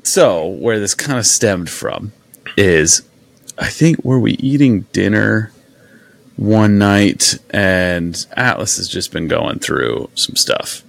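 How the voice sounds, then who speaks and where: A man's voice: fairly low pitch, expressive, slow pace, gravelly, fairly bright tone, no room sound. A young man hosting a podcast, telling a rambling, chatty story in a casual way with lots of fillers. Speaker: podcast host. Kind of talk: casual chat.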